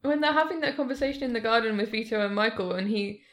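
A woman's voice: on the high side, fast talker. A woman co-hosting a casual film chat, thinking aloud and rambling through her points. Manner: thoughtful, rambling with restarts and "like".

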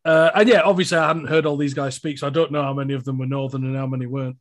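A man with a Northern English accent, an actor talking casually about auditions, chatty and animated in his storytelling. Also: medium pitch, racing. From Northern England. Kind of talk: casual chat.

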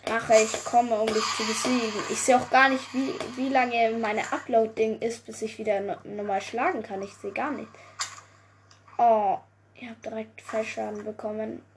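A young woman giving casual gameplay commentary, excitable, often swearing, groaning and exclaiming. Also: a little high, normal speed, noisy background. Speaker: gaming video creator.

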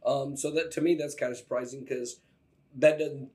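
A man co-hosting a casual podcast chat, talking in halting bursts full of fillers and restarts. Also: medium pitch, steady tone, darkish tone. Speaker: podcast co-host.

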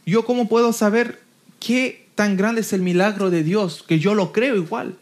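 A man's voice: sits high, fairly even intonation. Fervent man reading scripture. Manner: fervent, quotes verses slowly and deliberately. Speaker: Bible teacher.

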